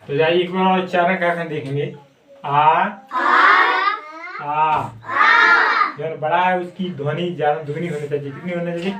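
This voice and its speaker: A male teacher leading a classroom alphabet lesson, slowly repeating questions for his students to answer. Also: fairly high pitch, fairly even intonation, a loud crowd. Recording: echoey room, distant mic, loud noise.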